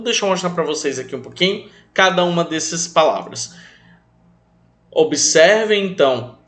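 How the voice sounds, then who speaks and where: A young Brazilian man teaching English to children online, calling his pupils affectionate names and drilling new words slowly for them to repeat. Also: a little high, pushed and bright. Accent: Brazilian Portuguese. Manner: affectionate, calls pupils "meus amores", speaks of himself as "tio".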